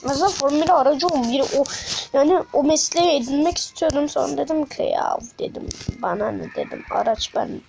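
High-voiced excitable gameplay commentator. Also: female voice, slight background noise. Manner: chatty and excitable, with frequent exclamations and slangy outbursts; speaks directly to viewers as friends. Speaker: gaming channel host. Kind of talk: casual mobile gameplay commentary.

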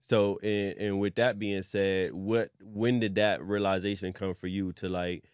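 Low-voiced relaxed podcast host man. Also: unhurried, clean tone, no echo, clean studio sound. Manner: relaxed, conversational, frequent affirmations. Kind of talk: casual interview hosting.

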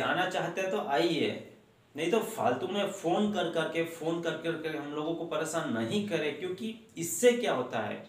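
A man in his thirties talks earnestly to camera from a small room at home, his voice sitting a little high. He keeps repeating his points in a scolding way. The lapel mic picks up a roomy echo. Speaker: job channel host. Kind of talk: direct-to-camera talk.

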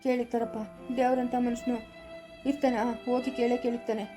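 A woman's voice: on the high side, flat delivery, quick pace, over music, natural voice. A woman acting as an aging father who soothes and reassures his son, repeating her comforts, in a family short drama. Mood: soothing.

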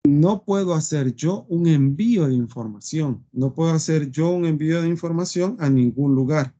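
A male web design teacher talks through his code, pausing on hums and asking his class "¿sí?" as he goes. His voice is mellow and dark. It comes through a dull, lo-fi computer mic recording. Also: fairly high pitch. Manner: thinks aloud with fillers and frequent "¿sí?" checks. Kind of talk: live coding lesson.

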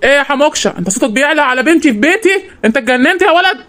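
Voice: high-pitched, animated, voice pushed up. Voice actor doing a blustering cartoon father. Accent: Egyptian Arabic. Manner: blustering, quick to shout. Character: middle-aged father of the bride, blustering. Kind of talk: comedy cartoon voice acting.

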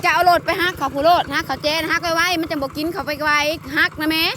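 A woman's voice: very high-pitched, steady tone, fast. A woman with an Isan accent chatting and calling out encouragement as she films her husband ploughing in a field. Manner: chatty, calls out encouragement and addresses viewers as "brothers and sisters". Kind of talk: casual outdoor vlog commentary. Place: farm field outdoors. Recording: outdoor clip with loud engine noise. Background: tractor engine running.

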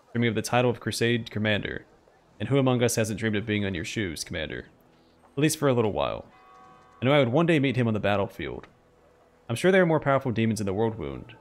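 Army captain for a fantasy game, read by a man: formal, dutiful, respectful, lowish pitch. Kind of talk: game dialogue read aloud.

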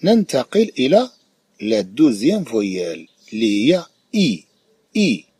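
Moroccan teacher repeating sounds slowly. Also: male voice, mid-range voice, big pitch swings, mellow, husky, dry recording. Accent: Moroccan Arabic. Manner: explains slowly, repeats each sound and word several times. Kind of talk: recorded school lesson.

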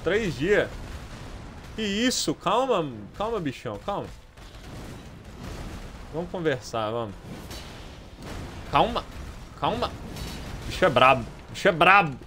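A young man with a Brazilian Portuguese accent giving live gameplay commentary, excitable, swearing often and yelling at enemies. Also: fairly high pitch, slow, long pauses, a little hiss or hum. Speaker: gaming streamer.

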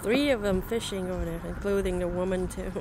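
In a very noisy recording, a woman with a Vietnamese accent and a fairly low voice speaks fairly quickly. She is a vlogger fishing by a river at night, chatting casually and laughing a lot with her audience.

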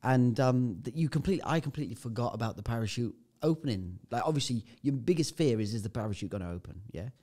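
A man's voice: mid-range voice, lively intonation, quick pace, few pauses, dark tone. A man, a podcast guest, telling a vivid anecdote in casual chat and swearing freely. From United Kingdom.

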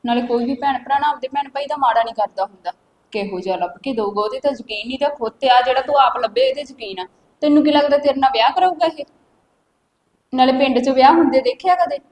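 A woman's voice: fairly high pitch, fast talker, lightly acted. A woman with a Punjabi accent playing a strict village sister-in-law who scolds firmly in a Punjabi web drama. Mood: stern. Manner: scolding, firm. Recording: echoey room, faint noise.

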